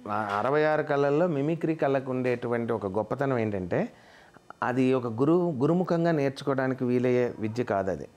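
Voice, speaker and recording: A man's voice: medium pitch, lively intonation, normal speed, darkish tone. A male comedian and mimicry artist talks through his craft in an interview. He explains things earnestly and step by step, slipping English words into his answers.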